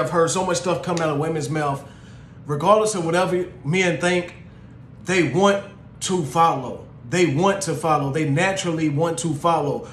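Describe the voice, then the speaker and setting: A man's voice: on the high side, slight background noise. Earnest man talking casually in an echoey room. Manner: earnest, conversational, peppered with "man" and "you know". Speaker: podcast host. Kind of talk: casual monologue on relationships.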